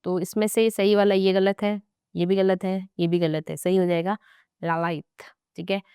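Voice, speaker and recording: Chatty woman teacher, smooth close voice. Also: medium pitch, flat delivery, normal speed, mellow, dry recording. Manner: chatty and playful, with asides to students. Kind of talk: exam-prep grammar lesson.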